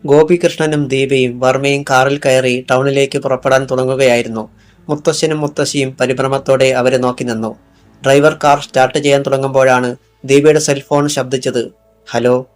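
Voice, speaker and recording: A man narrating a crime thriller audiobook in a measured, even reading. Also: medium pitch. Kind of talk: scripted narration.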